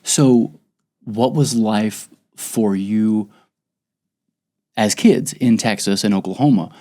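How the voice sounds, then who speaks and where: A man hosting a podcast interview, talking in an earnest, relaxed way and also reading a sponsor spot. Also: lowish voice, slow pace, no room sound. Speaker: podcast host. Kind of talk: conversational interview with a sponsor read.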